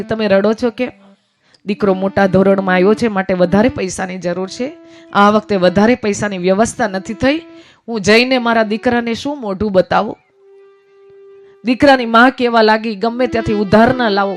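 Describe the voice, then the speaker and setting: A woman narrating a devotional story, emotionally voicing a father, mother and son. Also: medium pitch. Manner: emotional storytelling, voices the characters' pleas. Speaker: religious storyteller. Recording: faint music behind voice.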